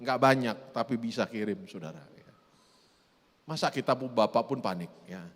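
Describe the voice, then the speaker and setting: A middle-aged man, preaching a sermon in a church hall, swinging from hushed asides to loud drawn-out emphasis. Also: medium pitch. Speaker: pastor.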